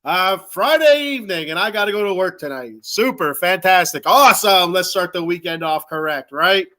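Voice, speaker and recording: High-pitched, expressive, pushed and bright, his voice moves at normal speed despite a stuffed-up nose from a cold. The middle-aged man hosts a casual sports fan livestream, rambling informally and saying hello to commenters.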